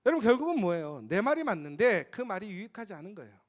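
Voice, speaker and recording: A man's voice: high voice, racing. A male pastor preaching a sermon, emphatic and storytelling, who often turns to the congregation with rhetorical questions. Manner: lively, storytelling delivery with occasional laughs.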